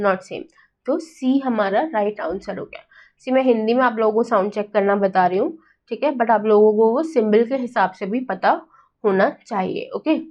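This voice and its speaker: A young woman teacher with an Indian accent, a little high in pitch, giving a lesson in very slow, drawn-out phrases. She keeps asking "right?" and "got it?" to check that her listeners follow. The recording sounds dull and lo-fi. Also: darkish tone. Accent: Indian English. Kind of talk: exam-prep lesson mixing Hindi and English.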